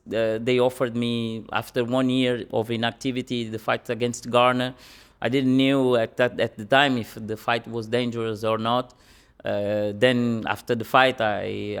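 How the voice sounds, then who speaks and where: A young man, a professional boxer answering interview questions in halting English full of pauses and fillers. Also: medium pitch, clean tone. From Portugal.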